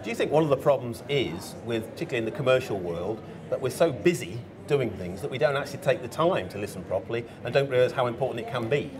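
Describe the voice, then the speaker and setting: A man's voice: medium pitch, lively intonation, fast talker, hardly any pauses, noisy background. A man in his forties interviewing someone in a conversational style. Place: indoor event interview stage. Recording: crowd murmur behind voices. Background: crowd murmur.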